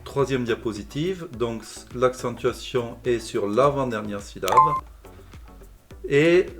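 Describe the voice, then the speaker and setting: A male language teacher calmly explaining a software tutorial step by step. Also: medium pitch, slow, over loud music. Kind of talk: screencast tutorial narration.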